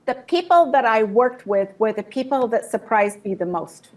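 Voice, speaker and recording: A woman with a fairly high voice recounts a personal story in short, vivid bursts. She stops after each phrase so an interpreter can follow. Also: lively intonation, a little mellow. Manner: vivid storytelling, pausing for translation. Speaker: guest speaker. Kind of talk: personal testimony with live interpreter.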